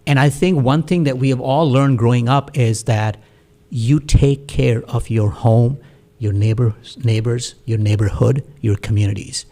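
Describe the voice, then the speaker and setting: On a studio talk show, a Pakistani community activist appears as a guest, speaking in a measured, reflective way with frequent fillers during an earnest conversation. His voice is medium-pitched and mellow.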